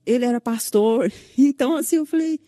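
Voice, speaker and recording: Brief: São Paulo woman, higher-pitched but mellow tone, close and dry mic, telling her own testimony. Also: a little fast, no echo. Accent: Brazilian Portuguese, São Paulo. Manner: recounts with many "né?" tags and quoted dialogue. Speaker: guest sharing her testimony. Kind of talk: emotional personal testimony.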